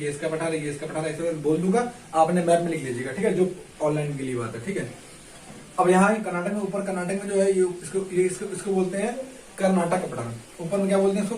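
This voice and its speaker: A man's voice: high-pitched, mellow. A man teaching a casual map lesson, asking his students questions over and over and answering them himself. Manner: repetitive quiz-style questioning. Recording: echoey room, distant mic, faint noise.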